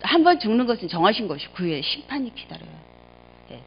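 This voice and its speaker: A woman's voice: big pitch swings, fast talker, a little hiss or hum. Fervent woman pastor preaching. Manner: emotional storytelling, swings between loud exclamations and quiet low asides. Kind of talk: sermon. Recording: dull lo-fi sound.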